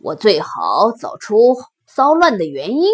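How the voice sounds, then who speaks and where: A woman voicing a calm, steady male lion in a children's story, speaking lower, firm and reassuring. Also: unhurried, husky, heavily acted.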